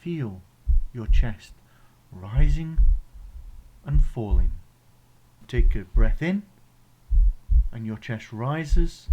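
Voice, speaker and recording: Guiding listeners through meditation, an English man speaks softly and soothingly, giving instructions with pauses between phrases. His voice is mid-range; the audio is dull with slight background noise.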